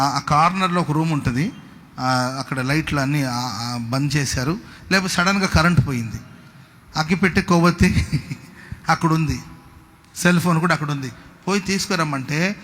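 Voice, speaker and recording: A man, a pastor preaching a sermon to his congregation with call-and-response, moving between loud exclamations and soft storytelling. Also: high voice.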